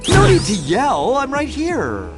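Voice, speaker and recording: A man's voice: extremely high pitch, wildly swooping pitch, music in the background, exaggerated voice. A man voicing a mischievous trickster wizard in a cartoon, smug and teasing. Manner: smug, teasing, drawn-out delivery. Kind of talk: cartoon voice acting.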